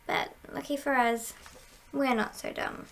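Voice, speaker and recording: A woman playing a confident, scheming female heist boss in a whispered role-play, speaking in a measured, playful and conspiratorial way with a creaky voice. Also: high voice, fairly even intonation, slight background noise. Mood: conspiratorial, knowing.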